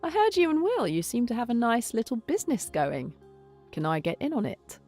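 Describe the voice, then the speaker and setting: Brief: a wry, probing English investigator from a video game, lively intonation, faint music behind. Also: female voice, fairly high pitch, brisk.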